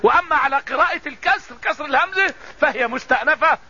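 A man giving a religious lesson on Quran readings, explaining calmly and reciting verses slowly. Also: very high-pitched, dull audio, slight background noise. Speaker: Quran teacher.

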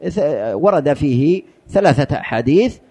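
Man, religious lesson, slightly high voice, mellow tone, slow explaining, repeats key words. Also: lively intonation, husky. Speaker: religious teacher.

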